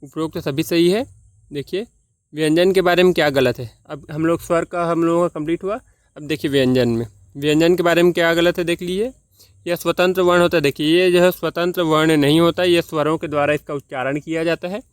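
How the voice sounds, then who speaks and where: Clear-voiced male tutor, dry close sound. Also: a little high, fairly even intonation, dry recording. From Chhattisgarh, India. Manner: repeats key points as questions and answers them himself; slow and deliberate, spelling out sounds one by one. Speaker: exam-prep teacher. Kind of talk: explaining quiz answers.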